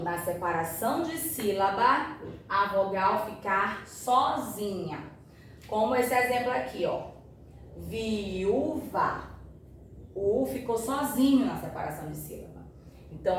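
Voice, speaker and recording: In a mid-range, animated voice at a measured pace, a woman patiently takes her class through a grammar lesson, checking often that they understand. She sounds far from the microphone in an echoey room with faint noise.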